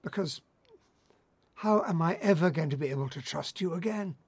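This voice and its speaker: Radio drama: a hurt man interrogating his partner, high-pitched, husky, dry sound. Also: dry recording. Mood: wounded. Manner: measured, hurt and accusing. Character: wounded, distrustful man questioning his unfaithful partner.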